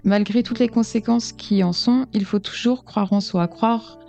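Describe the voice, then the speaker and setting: A woman being interviewed as a guest, speaking earnestly and reflectively about herself in a halting way. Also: medium pitch, vocal fry, dark tone, soft background music. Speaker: interview guest, decorative painter. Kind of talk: radio interview, personal account.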